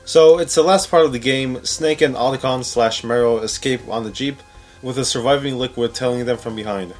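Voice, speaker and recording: A man with a medium-pitched voice talks slightly fast over background music. He narrates a countdown of video game scenes in an informal, sarcastic way, often sounding incredulous and swearing.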